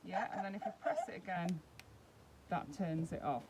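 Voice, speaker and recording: A woman's voice: on the low side, moderate pace, a little mellow, a little hiss or hum, rough recording. A woman vlogging a casual unboxing, chatting and explaining each step as she handles the doll.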